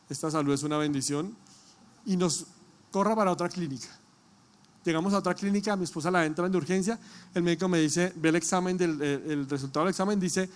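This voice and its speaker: Delivering an emotional personal testimony in his sermon, a male pastor climbs to loud calls directed at the congregation. His voice is a little high.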